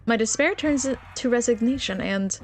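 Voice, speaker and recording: Young woman streamer, high-ish voice, playful and chatty, reads game text aloud, soft music underneath. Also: normal speed. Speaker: VTuber streamer.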